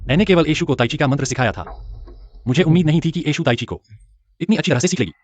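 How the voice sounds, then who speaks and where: A man plays an earnest young heir of a martial clan in a dubbed short drama. His slightly raised voice swings in pitch, recorded close and dry. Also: animated, fast, no echo. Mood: amazed. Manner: earnest, protective.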